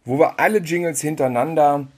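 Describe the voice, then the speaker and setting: A man's voice: fairly high pitch, brisk, a little mellow. A middle-aged man co-hosting a podcast in casual chat, with ironic, mock-grand banter. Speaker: podcast co-host.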